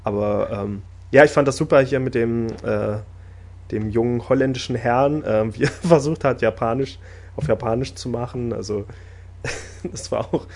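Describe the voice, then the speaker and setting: A man with an ordinary mid-range voice chats casually with friends. He talks at length, laughs easily and grows animated when something delights him. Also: mid-range voice, normal speed. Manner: talkative, laughs often, animated when enthusiastic. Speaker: podcast host discussing anime. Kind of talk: casual chat.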